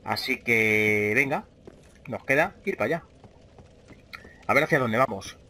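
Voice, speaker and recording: A man's voice: medium pitch, expressive, unhurried, pushed and bright. A man with a Spain Spanish accent giving casual let's play commentary, chatting freely with his viewers and swearing often. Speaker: gaming channel host.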